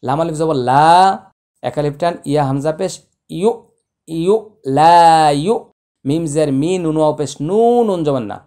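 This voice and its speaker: A man teaching Quran recitation, spelling out letters slowly and then chanting the words in long, drawn-out tones. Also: a little high, mellow. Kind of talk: tajweed lesson.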